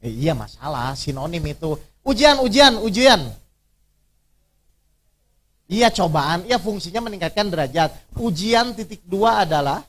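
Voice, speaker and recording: A man's voice: high-pitched, lively intonation, a little slow, long pauses, fairly bright tone, a little hiss or hum. A male preacher leading an interactive religious workshop, constantly quizzing his audience with questions and teasing them through everyday examples.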